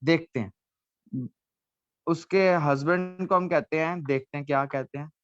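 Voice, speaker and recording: Male teacher for an online class, a bit higher voice, repeats words and quizzes students, dry dull lo-fi sound. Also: a little slow, smooth, dry recording. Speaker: language teacher.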